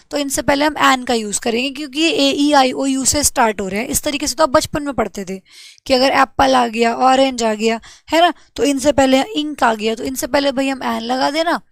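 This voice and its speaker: A young woman teaching an English grammar lesson to exam students, asking and answering her own questions and spelling out letters slowly. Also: high-pitched, a bit bright, no room sound.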